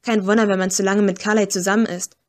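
A woman's voice: mid-range voice, little pitch movement, quick pace, lightly acted. Woman doing an angry, frightened young agent. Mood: upset agitated.

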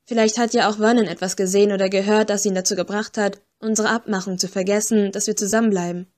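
A poised young female agent who reasons calmly, voiced by the woman narrating. Measured and even, close to the reader's own voice. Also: medium pitch, close to an everyday voice.

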